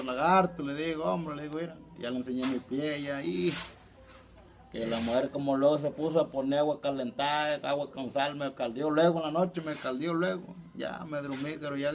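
A man from the coast of Oaxaca, Mexico, with a local Spanish accent, telling his story in an interview, halting and repeating himself. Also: mid-range voice, a little hiss or hum. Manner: halting, repetitive storytelling with many restarts. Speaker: fisherman recounting an attack. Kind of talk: interview testimony.

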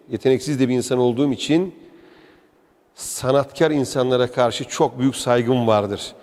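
With a fairly high-pitched but darkish voice, a male travel vlogger gives a chatty, enthusiastic walking tour of a museum, speaking directly to the viewer in casual commentary. His words echo through the indoor museum hall.

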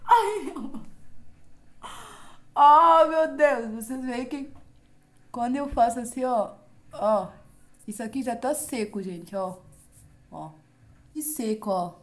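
Slow-talking Brazilian woman vlogger. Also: a little high, dark tone. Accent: Brazilian Portuguese. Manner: dramatic, exclaiming, groaning in pain and laughing. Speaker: beauty vlogger. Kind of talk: casual vlog talk to viewers.

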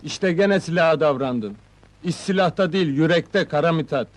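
A man's voice: a little high, moderate pace, lightly acted. A man playing a brash watermelon-seller hero. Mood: swaggering. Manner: brash, cheeky and defiant. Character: cocky watermelon seller, street-smart young man. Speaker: watermelon seller posing as goalkeeper. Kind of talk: 1970s comedy film dialogue.

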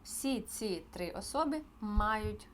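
Female teacher, mid pitch, patient and clear delivery, home recording with faint hiss. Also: animated. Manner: clear, patient explaining with frequent pauses. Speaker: Spanish teacher. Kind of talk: online language lesson.

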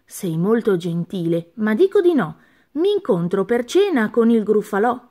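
A woman's voice: medium pitch, very animated, normal speed, warm tone. A woman playing a clever, cheeky little mouse. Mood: sly. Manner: sly, self-assured.

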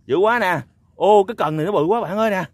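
Man, high voice, excitable, lots of exclamations and chuckles, outdoor vlog, faint background hiss. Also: fast talker. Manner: exclaims "wow" often, chuckles, addresses viewers. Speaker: toy vlogger. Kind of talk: excited toy-hunting vlog. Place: outdoors on a sandy lot.

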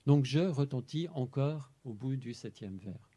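A man with a mellow, slightly husky voice talks through a poem line by line. He is measured and explanatory, lingering on single words as he presents his translation work. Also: mid-range voice, animated. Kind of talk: talk on translating poetry. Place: amphitheater.

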